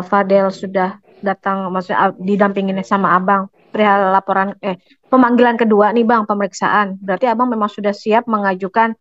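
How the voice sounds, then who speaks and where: A woman's voice: medium pitch, no room sound. A woman reporter asking a question at a press conference, hesitant and searching for words. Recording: dry, dull lo-fi sound.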